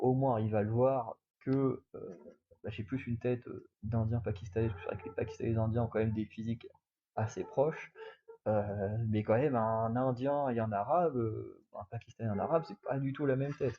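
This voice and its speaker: A man's voice: medium pitch, steady tone, fairly quick, dull audio. A young man from France telling a casual vlog story, rambling with lots of fillers and restarts. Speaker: vlogger.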